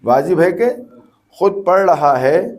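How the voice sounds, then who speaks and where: Brief: cleric teaching rulings, man with a high-pitched voice, patient and repetitive, leans on examples. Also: a little mellow. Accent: Urdu with Hyderabadi touch. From Hyderabad, Pakistan. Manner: explains with examples, repeats phrases. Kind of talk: religious lesson.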